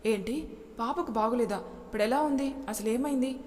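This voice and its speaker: A woman's voice: fairly high pitch, moderate pace, darkish tone, lightly acted. A woman voicing an anxious young office worker who muses earnestly to himself. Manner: worried, earnest inner musing. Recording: long reverb echo.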